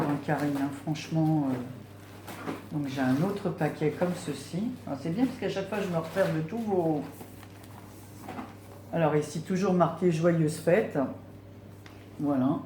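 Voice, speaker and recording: Brief: gushing woman vlogger, mellow warm tone, roomy room echo. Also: low-pitched, a little slow, long pauses, a little hiss or hum. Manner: effusive, exclaiming with delight, many fillers. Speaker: vlogger unboxing gifts. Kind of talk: casual unboxing chat. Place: home room. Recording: roomy home recording.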